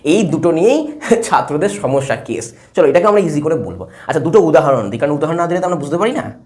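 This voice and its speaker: Lively male grammar teacher. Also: a little high, fast talker. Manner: lively, asks checking questions again and again. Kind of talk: classroom lesson at a whiteboard.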